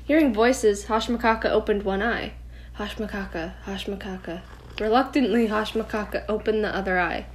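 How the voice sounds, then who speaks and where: A woman's voice: medium pitch, a little fast, hardly any pauses, a little hiss or hum. Woman reading a storybook aloud. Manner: gentle, expressive read-aloud. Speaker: storybook reader. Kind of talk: reading a children's picture book aloud at home.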